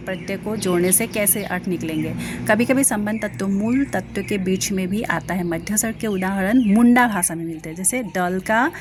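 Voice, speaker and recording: A Hindi teacher with a medium-pitched voice explains grammar notes in a lecture over a noisy background. She goes through each example, uses lots of fillers, and often asks "ठीक है ना" to check understanding.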